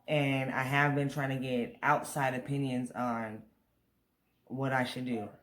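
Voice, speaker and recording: A man's voice: mid-range voice, flat delivery, measured pace, fairly bright tone. An American man talking casually and at rambling length to viewers, venting in a storytime vlog. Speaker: vlogger. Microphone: camera on a tripod.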